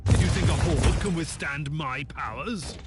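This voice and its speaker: An actor playing an imperious, self-assured inquisitor in a video game. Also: male voice, on the high side, unhurried, lightly acted. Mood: haughty. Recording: noisy game ambience.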